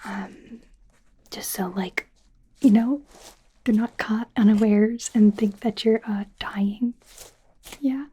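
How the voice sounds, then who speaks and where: With slow speech and long pauses, a woman in an ASMR roleplay plays a young werewolf doctor who is friendly and awkward. Her breathy, soft whisper is mid-range with fairly even intonation, and her hesitant, casual rambling is reassuring and instructive.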